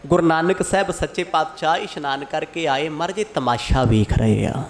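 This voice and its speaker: A man's voice: on the high side, normal speed. A man telling a story in a sermon, acting out the quarrelling sides with shifting voices. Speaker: katha preacher.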